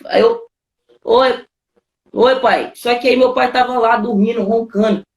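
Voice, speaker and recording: In an echoey room, a very high-pitched man talks a little slowly and in a steady tone. He is a Brazilian-accented pastor sharing his testimony in casual conversation, full of informal fillers like "cara" and "né."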